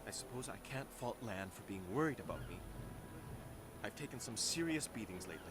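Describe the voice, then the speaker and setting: A man's voice: on the low side, animated, brisk, background noise, close to an everyday voice. A man voicing an anxious young fiancé. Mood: worried. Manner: earnest, worried. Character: harassed young engaged man, anxious, proud.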